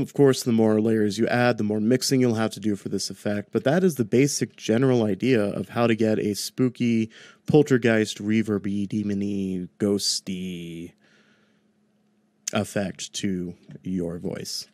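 A man in his twenties hosts a casual screen-recorded tutorial from a small room at home, chatting informally in a fairly low, slightly mellow voice at a measured pace. He speaks into a close desk microphone on a boom arm, with no echo.

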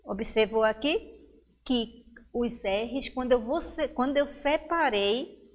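A woman teacher with a Brazilian Portuguese accent, giving a televised reading lesson to young children and drawing out each word slowly and clearly as she sounds out its syllables. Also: a little high. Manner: slow, clear, drawn-out syllables when sounding out words. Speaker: primary school teacher.

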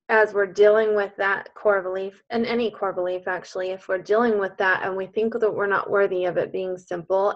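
An earnest woman coach talks her online group through their beliefs, emphatic and encouraging at a medium pitch. Her voice comes over a video call with dull, lo-fi sound. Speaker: coach leading a group class.

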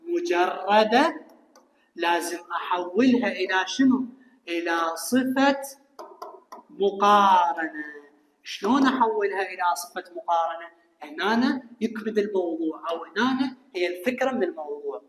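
A man's voice: high-pitched, animated, normal speed, a bit bright, a little hiss or hum. Iraqi male teacher in an echoey room. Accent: Iraqi Arabic. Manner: asks questions then answers them, stretching key words. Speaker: English teacher. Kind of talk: classroom lesson explanation. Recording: echoey room with long reverb.

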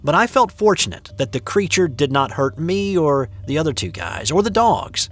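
A man hosting and narrating a submitted story in a measured, expressive read. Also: fairly high pitch. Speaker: host and narrator. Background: faint background music.

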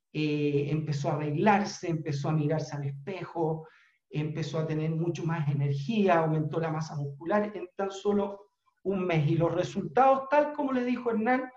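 A middle-aged man with a Chilean accent, a business trainer telling a motivational story in an earnest, unhurried way with frequent fillers, on a video call from a room at home. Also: on the high side, darkish tone. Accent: Chilean Spanish. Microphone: webcam on video call. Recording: roomy, dull webcam audio.

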